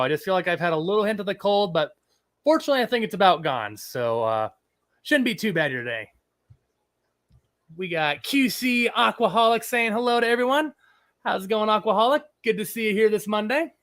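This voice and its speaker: A man with a high, fairly quick, slightly bright voice and big swings in pitch hosts a casual live chat stream. A lingering cold leaves him a bit scratchy as he chats, rambles and reads viewers' messages aloud.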